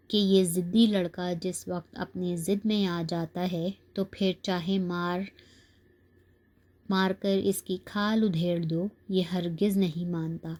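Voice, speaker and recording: A woman narrating a folk tale in a steady, measured storybook reading. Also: fairly low pitch.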